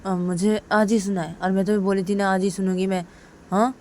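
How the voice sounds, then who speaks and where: A woman's voice: mid-range voice, flat delivery, brisk, a little mellow, a little hiss or hum, natural voice. A woman voicing an anxious young woman who keeps coaxing her crying partner with repeated questions. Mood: insistent.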